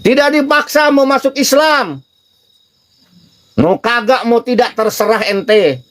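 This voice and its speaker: A man's voice: very high voice, slow pace, fairly bright tone. A man with an Indonesian accent giving an informal religious study talk, telling stories and acting out the dialogue while joking with his listeners. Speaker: religious teacher.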